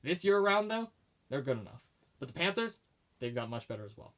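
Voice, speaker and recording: Co-hosting a casual sports podcast, this man makes emphatic, opinionated predictions in a brisk, mid-range voice that swings widely in pitch and sounds a bit bright. He is starting to lose his voice.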